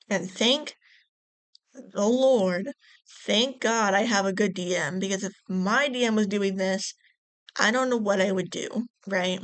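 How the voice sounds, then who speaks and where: A woman's voice: medium pitch, no echo. Earnest young woman YouTuber, dry mic. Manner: earnest, repetitive scolding, fillers. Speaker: YouTuber reading stories. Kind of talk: casual vlog commentary.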